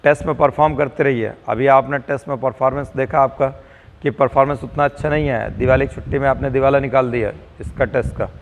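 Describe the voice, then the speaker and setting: A man's voice: mid-range voice, fairly even intonation, fast, gravelly, big-room sound, a little hiss or hum. A man, a physics teacher lecturing students on camera, urging and scolding them to prepare for tests. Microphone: camera mic.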